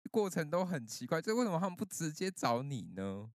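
A man co-hosting a podcast in casual chat, teasing his partner and chiming in quickly. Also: on the high side, very animated, no echo, clean studio sound. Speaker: podcast co-host.

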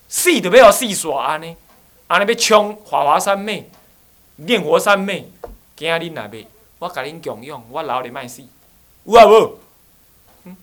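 A man's voice: a little high, fairly bright tone. A man with a Taiwanese accent, an abbot giving a joking dharma lecture who often mimics people and slips into Taiwanese dialect. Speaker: Buddhist abbot.

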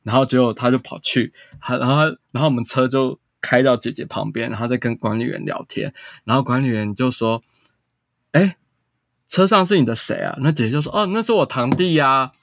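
A man's voice: medium pitch, brisk, dry recording, clean studio sound. A man, a guest casually telling a long story full of quoted dialogue. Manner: animated anecdote-telling with quoted dialogue and frequent "然后".

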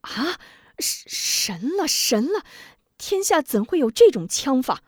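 A woman's voice: mid-range voice, big pitch swings, a little slow, dry recording, clean studio sound. A woman storyteller voicing an arrogant, hot-tempered elderly prince who blusters proudly. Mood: blustering.

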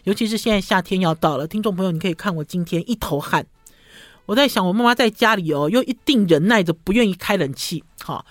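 A woman's voice: on the low side, no echo. Woman, radio food host, chatty monologue, dry close studio sound. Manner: chatty, ends phrases with a short "ha".

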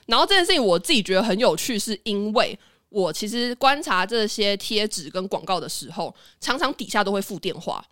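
A young adult woman with a Taiwanese Mandarin accent, telling stories in an animated, chatty way as a podcast host and laughing easily. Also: mid-range voice, a little fast, dry recording, clean studio sound. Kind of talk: casual storytelling chat.

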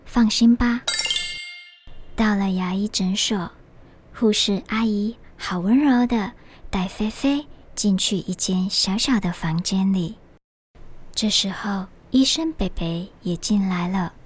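Slow, hushed bedtime storyteller woman. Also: mid-range voice, slightly rough. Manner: soft, hushed, soothing.

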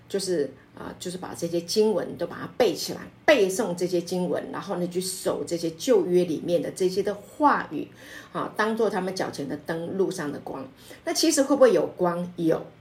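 Woman pastor, Bible study teacher, lowish voice, emphatic delivery, lots of fillers. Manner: emphatic, animated, many filler sounds; laughs often while explaining.

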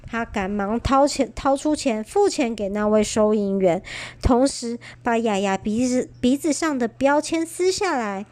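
High-voiced woman reading a bedtime story. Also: measured pace. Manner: gentle, expressive storytelling.

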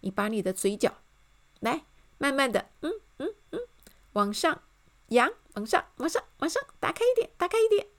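A bubbly, giggly young woman chirps and coaxes, as a storyteller puts her on. Her voice sits very high and bounces all over. It is a lively children's story. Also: moderate pace. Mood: coaxing.

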